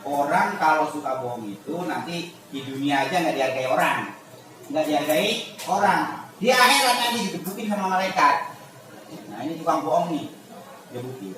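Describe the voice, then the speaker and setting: An animated man with a voice on the high side teaches a religious class at a moderate pace. He alternates between reading Arabic and casually explaining it, acting out small scenes in character voices. Expect echo, background noise, and a faraway microphone.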